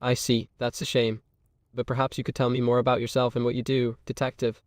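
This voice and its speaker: Male voice as game oddities collector, formal, nosy, monotone, dry. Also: medium pitch, a little fast, dry recording, lightly acted. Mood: courteous. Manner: formal, courteous, keeps asking questions. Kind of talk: game character dialogue.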